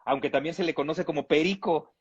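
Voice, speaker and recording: A man with a husky, slightly raised voice delivers a playful comic monologue. His tone is mocking and teasing throughout. Music plays faintly behind him. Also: on the high side, fairly quick, dull audio. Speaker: comedian. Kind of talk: comedic monologue.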